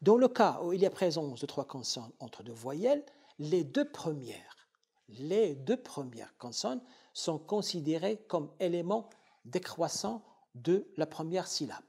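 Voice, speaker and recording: A male university professor gives a lecture at an unhurried pace. His voice is slightly husky and his pitch moves lively from high to low. He goes through the material deliberately, breaking words into syllables and repeating each example.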